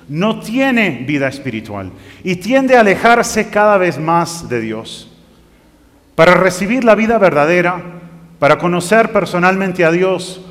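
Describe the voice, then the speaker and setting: A man preaching a sermon, reading scripture aloud and rising to emphatic bursts. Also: high-pitched. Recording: long reverb of a hall.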